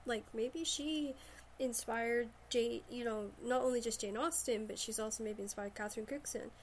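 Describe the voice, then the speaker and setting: A woman's voice: a little high, normal speed, slight background noise. A woman from Shetland with a Shetland Scottish accent, chatting casually about books. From Shetland, Scotland.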